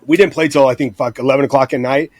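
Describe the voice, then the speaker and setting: A man in his thirties, once a lead singer, tells rowdy, profane tour stories in a casual podcast chat, animated throughout. His voice is mid-range and he talks fast, with no room sound.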